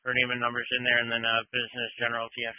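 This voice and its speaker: A male police dispatcher relays details matter-of-factly over the radio. He is quick and almost completely monotone. The audio is dry and very band-limited. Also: medium pitch, no echo. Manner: matter-of-fact. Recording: dull, narrow two-way radio audio.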